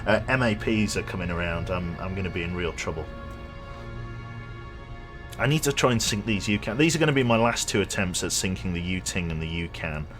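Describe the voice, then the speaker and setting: A young man streams a game and rambles casually with his viewers, reading chat aloud and cracking jokes. His deep, expressive voice moves fairly quickly with a fairly bright tone, and soft music plays in the background.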